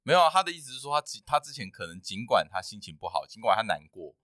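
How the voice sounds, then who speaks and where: A man co-hosting a casual podcast chat, teasing his friends with quick interjections. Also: fairly low pitch, big pitch swings, pushed and bright, no room sound, studio quality. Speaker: podcast co-host.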